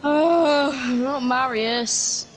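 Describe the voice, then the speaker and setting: A woman's voice: high voice, very slow, a little hiss or hum, poor audio. Chatty woman co-commentating a sim race. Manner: chatty, reads chat aloud, frequent exclamations. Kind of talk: casual sim racing commentary.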